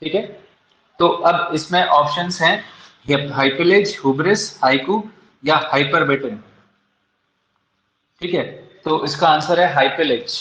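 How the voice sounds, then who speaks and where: A man's voice: fairly high pitch, takes it slowly, long pauses, fairly bright tone. A man teaching English literature for an exam, asking rhetorical questions and answering them himself, with an Indian English accent. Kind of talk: exam-prep lecture. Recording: echoey, dull lo-fi room sound.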